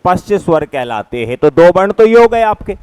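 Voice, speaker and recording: A man teaching a grammar class, his voice high and smooth. He poses rhetorical questions and answers them himself, stretching out vowel sounds as examples. The recording is close and dry. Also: big pitch swings, darkish tone, no echo. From Rajasthan, India. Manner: drawn-out demonstrative vowel sounds. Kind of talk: classroom lecture.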